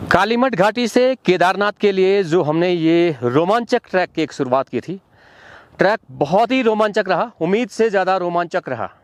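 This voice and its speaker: Outdoor trek vlogger, young man, high voice, guiding tone, filmed on a handheld camera. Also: no echo. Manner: guiding, pointing things out to viewers. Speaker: trekking vlogger. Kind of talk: outdoor trek vlog narration. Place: outdoors on a high mountain ridge.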